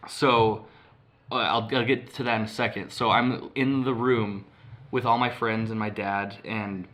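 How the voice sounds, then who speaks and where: Young male podcast co-host, lowish voice, rambling storyteller who swears freely and says "like" constantly. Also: steady tone, measured pace, a bit bright. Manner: rambling, swears a lot, many "like" fillers. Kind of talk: casual storytelling chat.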